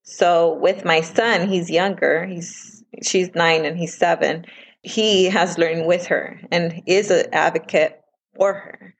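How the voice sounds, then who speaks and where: Husky-voiced earnest mother. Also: on the low side, slow pace, low-quality recording. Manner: earnest and emotional, quoting others in lively voices. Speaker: guest, parent of a child with food allergies. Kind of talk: casual interview talk.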